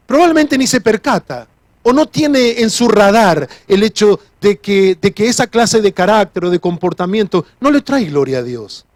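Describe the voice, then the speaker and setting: A man's voice: sits high, darkish tone, dry recording. A man preaching a sermon as pastor, earnest, restarting sentences and repeating key phrases.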